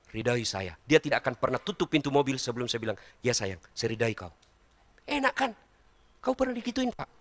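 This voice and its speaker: A man's voice: sits high, bright, forceful tone, a little hiss or hum. A middle-aged man preaching a humorous sermon and teasing his audience directly with jokes.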